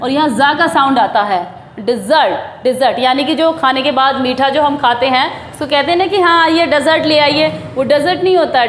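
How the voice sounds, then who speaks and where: A woman's voice: high-pitched, slight background noise. A woman teaching English pronunciation in Hindi. She drills each word by repeating it several times and asks questions back to her viewers. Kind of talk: classroom-style pronunciation lesson. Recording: echoey room with faint ambience.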